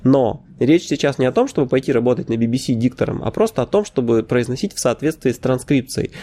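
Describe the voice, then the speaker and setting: A Russian-speaking man hosts a laid-back podcast in a mellow, warm, mid-pitched voice. He speaks off the cuff with filler sounds and quick self-corrections, slipping in wry, opinionated asides.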